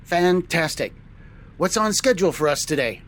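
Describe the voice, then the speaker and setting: High-voiced man playing a hearty space trucker captain. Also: expressive, normal speed, fairly bright tone, faint music behind. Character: cheery male sci-fi hero trucker captain. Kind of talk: scripted retro radio-show dialogue. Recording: clear vehicle noise behind voice.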